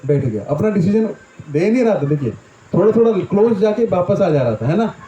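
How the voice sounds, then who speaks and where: Mellow-voiced man giving a scripture talk. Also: sits high, sing-song, fairly quick. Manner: explains with homely examples, often asks "right?". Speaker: Gita teacher. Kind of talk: Hindi scripture discourse. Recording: echoey room, dull lo-fi sound.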